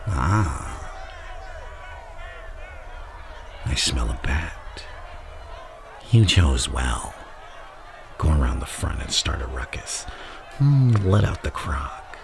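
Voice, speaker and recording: Very deep, gravelly Joker. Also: male voice, very animated, a crowd in the background, background noise, full character voice. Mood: gleeful command. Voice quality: deep gravelly voice, breaking into breathy whispers. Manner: slow, drawn-out, insinuating, theatrical. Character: menacing, theatrical mad criminal clown mastermind, the Joker. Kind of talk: ASMR roleplay villain monologue.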